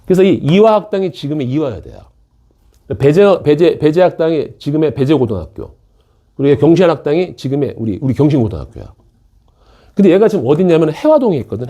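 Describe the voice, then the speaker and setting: A middle-aged man tutors math in a small classroom and drifts into a chatty story for his students. His pitch swings widely, and his voice is mellow and a little husky. He acts out the people he quotes as he goes.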